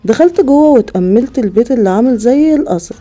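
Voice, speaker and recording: Egyptian woman telling a scary story fast, really dark mellow voice, soft music behind. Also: fairly high pitch, expressive. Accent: Egyptian Arabic. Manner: first-person storytelling, dramatic pauses. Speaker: horror story narrator. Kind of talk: scripted horror narration. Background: faint background music.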